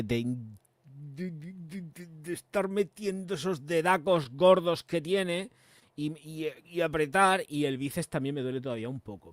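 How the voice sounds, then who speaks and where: A man, hosting a casual live chat and telling a story in an expressive, chatty way, with emphatic swearing. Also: medium pitch, dry recording. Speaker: perfume livestream host.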